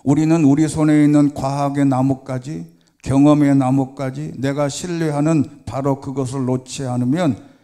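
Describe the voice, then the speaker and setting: Storytelling pastor with a mellow voice. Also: male voice, mid-range voice, normal speed. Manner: vivid storyteller, animated retelling. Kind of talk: sermon storytelling.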